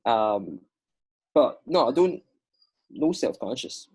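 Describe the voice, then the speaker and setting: Husky Scottish man, chatty. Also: medium pitch, takes it slowly. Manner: chatty, animated storyteller with many fillers. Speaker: actor guest. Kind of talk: casual podcast chat.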